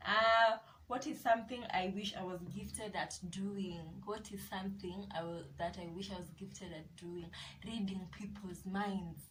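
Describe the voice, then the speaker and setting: A young Kenyan woman vlogs in a casual, chatty way, often circling back with little yeses. Her voice sits at an ordinary middle pitch. She is a bit off-mic, and a faint hum of room noise sits underneath. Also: fairly even intonation, unhurried, hardly any pauses, a bit bright, distant mic, poor audio. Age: 20s. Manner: chatty, repeats herself with many yeses. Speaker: vlogger. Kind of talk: casual chat to camera.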